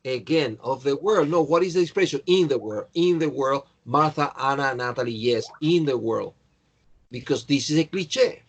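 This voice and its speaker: A man teaches an online English class, going through answers and patiently correcting students by name. His husky, mid-range voice is expressive and moves at a moderate pace.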